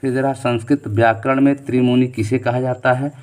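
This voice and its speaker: A man's voice: medium pitch, little pitch movement, normal speed, darkish tone. A male teacher running an exam-prep quiz lesson, reading each question and its options aloud, then reasoning his way to the answer and repeating key answers back as a drill, with many fillers and memory tricks along the way. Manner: frequent fillers like "theek hai" and "jo hai"; gives memory tricks and shortcuts.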